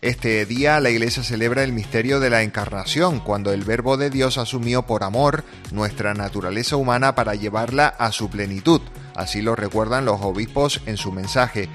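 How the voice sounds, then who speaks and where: A man reading a church news program on radio in a measured, formal way. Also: mid-range voice, a bit bright, soft background music. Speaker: radio presenter.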